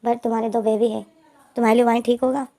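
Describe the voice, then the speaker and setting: Play a woman voicing an affectionate young lover in a storybook retelling. He keeps checking on his partner with caring questions. The voice stays warm and somewhat high. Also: little pitch movement, fast, natural voice. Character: loving, doting young man, worried partner.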